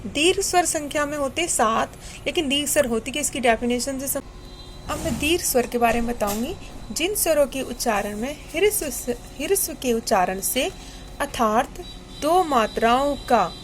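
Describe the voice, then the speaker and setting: A woman teacher gives a children's Hindi grammar lesson in a high, clear voice. She goes slowly and patiently, repeating each point and asking her pupils questions. Faint background noise sits under the recording.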